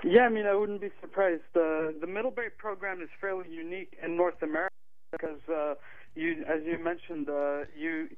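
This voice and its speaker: Speaking fairly quickly in a fairly high, fairly even voice, this man is an author and Arabic teacher from Morocco being interviewed on the radio by phone. The recording is dry, with the thin sound of a telephone line. He expresses himself clearly but hesitates with fillers.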